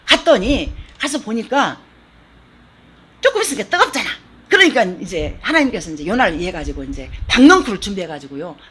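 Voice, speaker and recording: A woman pastor preaching a sermon in a church, telling the story in an animated, colloquial way with sound effects. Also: mid-range voice, slight background noise.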